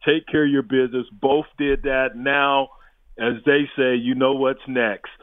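A college football analyst appears as a guest on sports talk radio, calling in over a phone line to the studio, so the recording sounds tinny and dry. His voice is medium-pitched and level, a little slow, and he gives emphatic, blunt opinions, restarting sentences and chuckling.

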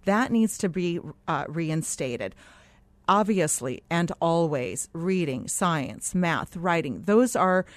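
A middle-aged Lebanese woman, a political candidate, appears as a studio guest in a radio interview, explaining her views earnestly and emphatically with many asides. Her fairly low voice is slow with lively intonation, recorded on a close studio mic with no echo.

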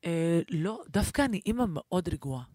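A woman's voice: fairly low pitch, expressive, warm tone, dry recording, studio quality. A woman singer, a guest on a radio show, talking playfully and expressively and often exclaiming. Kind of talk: casual radio interview. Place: radio studio.

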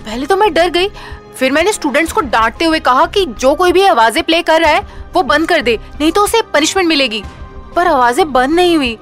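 A man's voice: extremely high pitch, lively intonation, fairly quick, a bit bright, faint music behind, voice pushed up. A male narrator voicing a flustered young woman schoolteacher who talks in an anxious, scolding way. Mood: upset.

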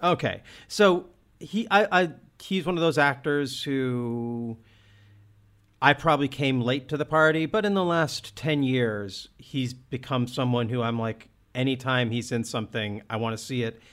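A man's voice: medium pitch, a little slow, a bit bright. Man, podcast host, casual film chat, enthusiastic, lots of restarts, mid-range voice. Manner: enthusiastic, searching for words with many restarts.

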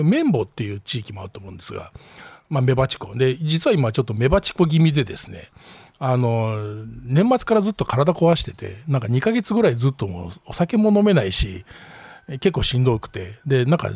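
A middle-aged man with a Kansai accent hosts a relaxed solo chat from his small office, rambling and self-deprecating, often chuckling. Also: mid-range voice, breathy edge, dry recording. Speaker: podcast host.

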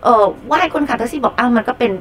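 Talk quickly and politely as a woman hosting a radio talk show. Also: on the high side, fairly bright tone, a little hiss or hum. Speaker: radio host. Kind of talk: radio chat.

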